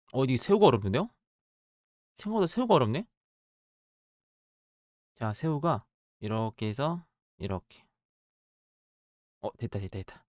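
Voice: mid-range voice, a little mellow, no echo, clean studio sound. A game streamer chatting casually, muttering to themselves and reacting playfully while drawing in a party game. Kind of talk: casual let's-play commentary while drawing.

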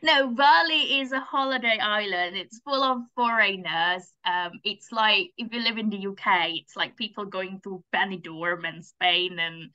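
Bright-voiced woman from Indonesia, video call. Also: mid-range voice, measured pace, hardly any pauses, smooth, dull audio. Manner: animated, gestures with her hands while explaining. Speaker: guest. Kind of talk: casual interview chat. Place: home room with bookshelves. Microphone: video call webcam.

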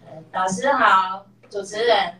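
A woman's voice: medium pitch, measured pace, bright, forceful tone. A middle-aged woman telling a personal story in a class, acting out the voices of the people in it. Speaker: class member sharing a story. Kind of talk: personal testimony. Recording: echoey room, voice from far off.

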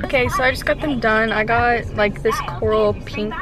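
A woman's voice: fairly high pitch, steady tone, moderate pace, over music. A teenage girl from Texas vlogging from inside a car, chatting and rambling through stories with lots of fillers. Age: teens. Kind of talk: casual chat. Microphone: handheld compact camera.

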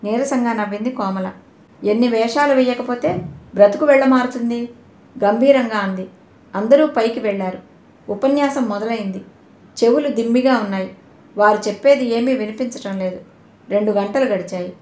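A woman's voice: mid-range voice, normal speed, darkish tone. Woman narrating an audio novel. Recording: roomy echo.

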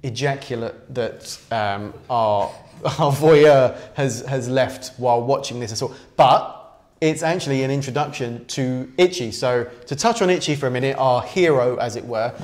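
Speaking at normal speed in a medium-pitched, darkish voice, a co-host in his thirties joins a casual film discussion. He rambles with many restarts and gestures as he talks, all from a small studio with a poster wall.

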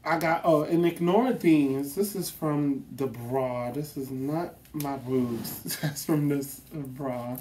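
A woman chatting casually to her viewers in a vlog, animated, laughing often and swearing freely. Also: deep voice, slow, few pauses, slight background noise. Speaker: vlogger.

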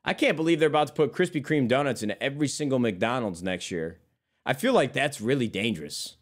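A man's voice: medium pitch, expressive, a little fast. Rambling, cursing streamer guy. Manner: rambling, profane, calls listeners brother. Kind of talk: casual chat.

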